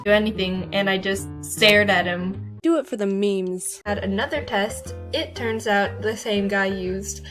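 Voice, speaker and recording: A young woman narrating funny personal stories, sarcastic and expressive, with sudden high yells. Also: measured pace, hardly any pauses, over music. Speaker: animator and narrator. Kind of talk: comedic storytime narration.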